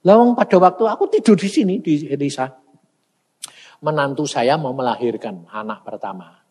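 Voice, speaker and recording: An older man preaching in a folksy, animated, conversational way and slipping in regional slang. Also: on the high side, normal speed, breathy edge. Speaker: evangelist preacher. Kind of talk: conversational sermon with questions. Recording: long hall reverb.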